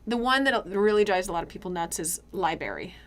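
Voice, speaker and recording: A woman's voice: fairly low pitch, animated, a little fast. Woman host w/ whistly s sounds, super up and down voice, teasing casual chat.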